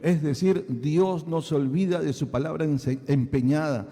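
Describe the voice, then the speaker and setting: A man's voice: a little high, moderate pace, warm tone. A male pastor teaching a sermon, asking the congregation again and again whether they follow. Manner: asks the congregation many checking questions. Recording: long hall reverb.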